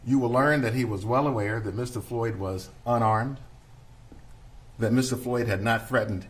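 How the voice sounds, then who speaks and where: A middle-aged man delivers a courtroom opening statement as prosecutor. He speaks to the jury in a measured, deliberate manner at an ordinary pitch for a man.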